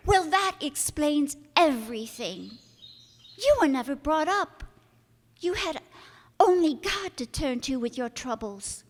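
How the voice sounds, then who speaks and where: With big swings in pitch, a woman gives a full character voice to a naive young girl from vintage radio drama, speaking slowly. The girl is high-voiced, earnest and trusting, gently chiding, and her mood comes across as frank and pitying. Long hall reverb envelops the sound.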